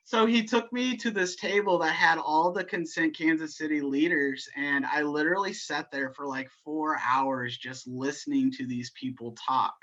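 A man being interviewed as a guest, telling his story in an animated, casual way with frequent laughs. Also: fairly high pitch, moderate pace, few pauses, dull audio. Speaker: guest, educator.

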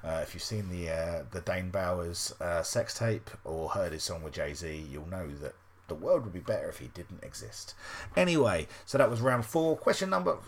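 A man with a fairly low voice hosts a casual podcast quiz, running through the answers. He talks loosely and sardonically, dropping swear words and frequent "uh"s as he goes. His pitch swings up for question numbers and sinks low for dry asides. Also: animated, moderate pace. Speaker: podcast host.

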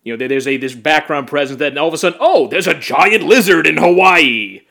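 A young man talks movies in a relaxed podcast chat, hesitant and restarting often. His voice sits a bit high for a man. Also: fairly quick, vocal fry. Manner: hesitant, many fillers and restarts. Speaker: podcast co-host.

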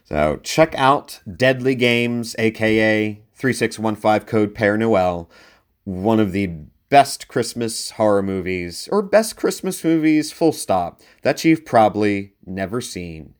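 A man with a lowish voice speaks slowly as host of a casual film review podcast. He talks conversationally and leans into his recommendations with emphasis.

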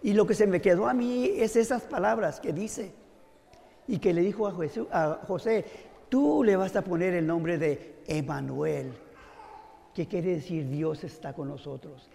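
High gravelly preacher man in a hall. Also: unhurried, mellow. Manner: storytelling with frequent rhetorical questions. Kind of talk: sermon.

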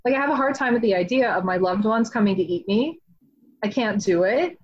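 Chatty, animated woman author in interview. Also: a little high, fast talker, husky, highs cut off. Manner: chatty and animated, many "like" fillers. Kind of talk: casual interview chat.

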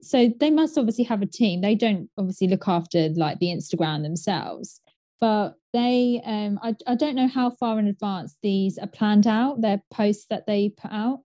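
A woman's voice: mid-range voice, moderate pace, dark tone, no echo, clean studio sound. A woman co-hosting a casual chat podcast, chatty and filling her talk with "like" and "um". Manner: chatty, frequent "like" and "um". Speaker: podcast co-host.

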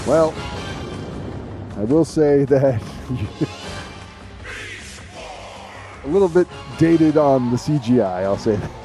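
A man's voice: mid-range voice, huge pitch swings, extremely slow, long pauses, music in the background. A man hosting a podcast in casual chat, with a blunt way of talking. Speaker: podcast host.

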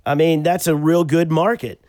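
A man's voice: a little high, fairly even intonation, normal speed, darkish tone, no echo, clean studio sound. A man hosting a comedy podcast with an American accent, crude and joking as he runs through the lineup and topics. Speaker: podcast host. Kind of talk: casual comedic chat.

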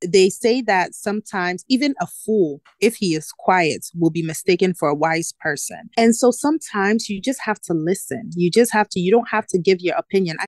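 A woman talking in an easy, animated way, laughing as she goes and dropping slangy asides. The sound is close and dry, with no room around her voice. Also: medium pitch, dry recording. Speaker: podcast host. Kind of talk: casual chat.

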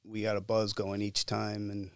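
A middle-aged man tells stories in a gravelly voice that sits low. The sound is dry and close. He is animated and acts out the lines he quotes. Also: moderate pace, dry recording. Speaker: musician guest. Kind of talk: casual storytelling interview.

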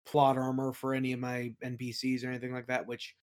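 A game master and audio play creator chats casually as an interview guest, telling colloquial, rambling anecdotes and acting out quoted remarks. His medium-pitched voice is monotone, quick, and clean in tone.

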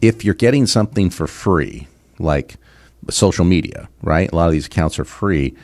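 Deep deep voiced midwest money guy, lots of ums, explains stuff, dry mic. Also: expressive, a little mellow, dry recording. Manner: halting, many fillers, explanatory. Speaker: financial advisor, podcast host. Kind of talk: casual podcast chat.

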